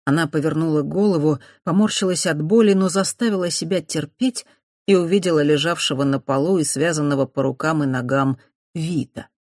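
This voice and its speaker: A steady audiobook narrator with a mid-range voice, telling a fantasy story at an even pace. The recording is dry and close, with no room echo. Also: medium pitch, a little fast. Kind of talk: scripted narration.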